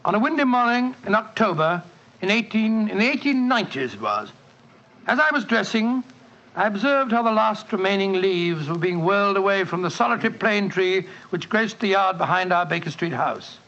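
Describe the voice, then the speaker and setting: An actor playing a genial, fussy older English doctor who reminisces in a halting, avuncular way, in 1940s radio style. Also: male voice, high voice, lively intonation, pushed and bright, exaggerated voice. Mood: reminiscing. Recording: dull 1940s radio recording.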